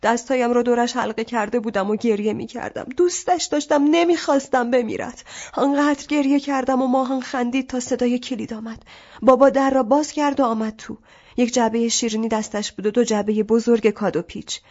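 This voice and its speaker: A woman narrating a literary novel as an audiobook in a calm, measured reading. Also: on the high side, muffled recording.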